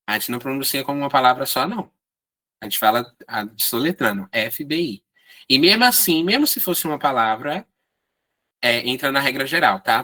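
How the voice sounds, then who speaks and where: Bright-voiced teacher checking in often. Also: male voice, a little high. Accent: Brazilian Portuguese. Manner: explains step by step with frequent "tá?" check-ins. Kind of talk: online writing workshop lesson.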